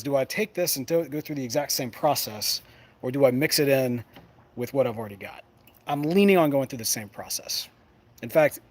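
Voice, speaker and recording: A man chatting casually to camera as a show host, folksy and playful, often rambling and breaking off mid-thought. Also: mid-range voice. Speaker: host of a pipe smoking show. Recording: clear background noise, ambient sound.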